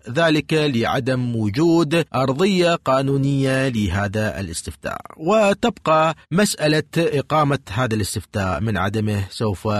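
A man hosting a radio talk show, putting questions to guests and wrapping up the episode in a formal, measured broadcast manner. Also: mid-range voice, no echo, studio quality.

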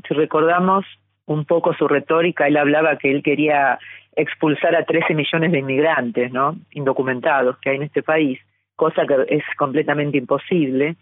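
A middle-aged Argentine journalist and psychologist speaks with an Argentine Spanish accent as a guest on a phone interview, arguing her points fluently. Her voice is low with no echo, coming through a tinny telephone line.

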